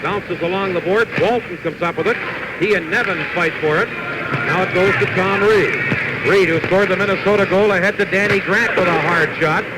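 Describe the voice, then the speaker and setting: High-pitched guy doing play-by-play hockey, old tv broadcast taped off the speaker, lots of hiss. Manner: brisk, steady calling of each pass and player. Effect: re-recorded off a TV speaker. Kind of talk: live play-by-play commentary.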